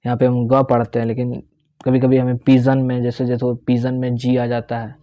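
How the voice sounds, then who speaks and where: A young man delivers an English pronunciation lesson in Hindi and some English with a completely flat, dark, mid-range voice at a moderate pace; there is no room sound. He explains each step in turn, repeats key words, and checks on his students with "theek hai".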